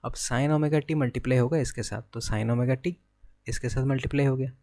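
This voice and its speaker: A man's voice: mid-range voice, fairly even intonation, normal speed, dark tone. A young man with an Indian accent giving a physics exam-prep lecture, working through problems step by step and asking himself questions before answering them. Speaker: physics teacher.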